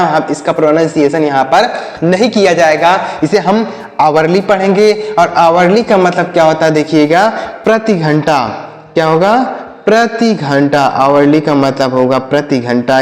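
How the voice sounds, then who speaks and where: Male teacher, higher-pitched, spells and repeats words for kids, recorded in a reverberant room. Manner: spells words letter by letter and repeats each meaning; calls the children and asks them questions. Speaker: English teacher. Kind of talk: spelling and vocabulary lesson for children. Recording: echoey room with long reverb.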